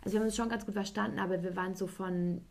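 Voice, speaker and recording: A woman's voice: mid-range voice, fairly even intonation, rapid-fire, gravelly, darkish tone. A woman in her twenties, a podcast host, telling a personal story in casual chat and acting out what others said. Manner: rambling storytelling, acts out others with 'und ich so'.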